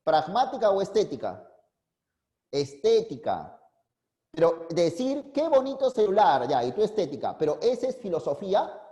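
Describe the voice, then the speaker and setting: Man, philosophy teacher, high voice, mellow tone, keeps asking questions. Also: big pitch swings, moderate pace. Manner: questions students constantly, coaxing answers. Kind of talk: online class lecture. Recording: long reverb, echoey room.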